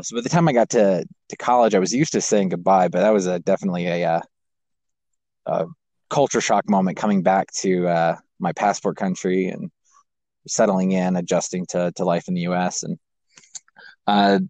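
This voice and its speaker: Speaking as a guest on a podcast, this twenty-something American raised in Kazakhstan and Japan tells casual personal stories in an interview. He has a low-pitched, darkish voice with a steady tone and moderate pace, recorded without echo.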